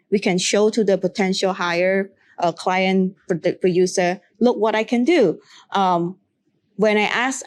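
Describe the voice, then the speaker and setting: A woman's voice: medium pitch, dry recording. A young woman from Cambodia, a makeup artist answering an interview question and giving earnest, encouraging advice in with frequent restarts. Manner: earnest, encouraging, with restarts and broken English phrasing.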